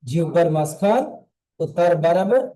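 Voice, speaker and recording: Slow, patient Quran teacher, high voice. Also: male voice, lively intonation, mellow, rough recording. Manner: patient, repeats letters and drills sounds. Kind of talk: online tajweed lesson.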